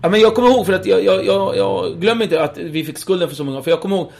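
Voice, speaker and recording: Lively gravelly-voiced man telling stories. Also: high voice, a little hiss or hum. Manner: lively, acts out voices, laughs often. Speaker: podcast guest. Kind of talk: animated storytelling.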